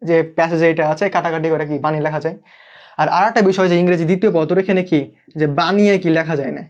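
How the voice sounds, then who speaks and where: A young English tutor with a Bangladeshi Bengali accent runs a live online class at a rapid-fire pace, his slightly high voice holding a steady tone. He repeatedly checks in and asks students to comment. The sound is lo-fi.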